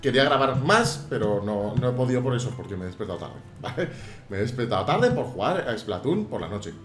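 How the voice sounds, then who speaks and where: A man giving casual let's-play commentary, animated and prone to shouted exclamations. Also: mid-range voice, a little fast. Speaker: gaming YouTuber. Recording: roomy sound with faint game music.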